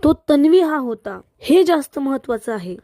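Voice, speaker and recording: Brief: woman reading firm family man, high voice, dry. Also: sing-song, normal speed, dark tone, no room sound. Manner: firm, insistent. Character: middle-aged man, firm family elder.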